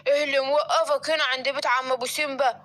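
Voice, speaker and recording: A woman doing a bold shouting elephant. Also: high voice, level tone, very fast. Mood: defiant. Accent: Egyptian Arabic. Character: brave male elephant, loud and bold.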